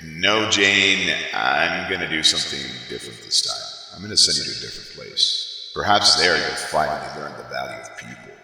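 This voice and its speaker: A man acting God, booming deep in a vast hall. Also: expressive, creaky, bright, forceful tone, heavily acted. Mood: firm. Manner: wry, measured, theatrical. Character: God, wry patient male deity receiving souls. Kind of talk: audio play acting. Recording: long echoing hall reverb, music underneath.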